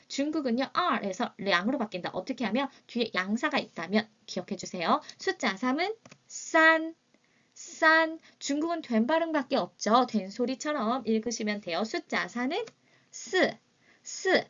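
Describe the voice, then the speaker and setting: High-voiced woman teaching Chinese. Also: highs cut off. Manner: bright, encouraging teacher voice, drilling words slowly for repetition. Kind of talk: online language lesson.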